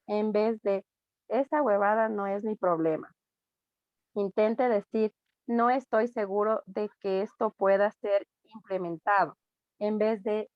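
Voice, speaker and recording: A woman with an Ecuadorian accent, a student reading a text aloud in class, steady with small slips. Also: medium pitch, dry recording, lo-fi sound. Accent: Ecuadorian Spanish.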